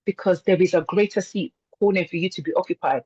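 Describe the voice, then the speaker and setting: A woman's voice: on the low side, fast talker, dark tone, husky, no room sound, highs cut off. A young woman giving an emphatic motivational speech to a group of women, with repetition and rhetorical questions. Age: young adult. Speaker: motivational speaker.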